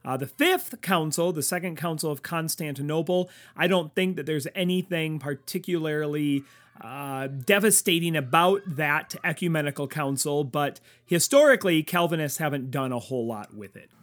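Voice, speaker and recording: A man with a somewhat higher voice, chiming in on a theological panel. He speaks precisely and sets the record straight. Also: moderate pace. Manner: precise, adds corrections.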